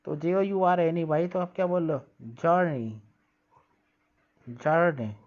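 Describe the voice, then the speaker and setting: A teacher explaining an English textbook chapter to pupils. The teacher reads the English slowly, drills pronunciation and asks questions, then answers them. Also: mid-range voice, steady tone, warm tone. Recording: dull lo-fi sound.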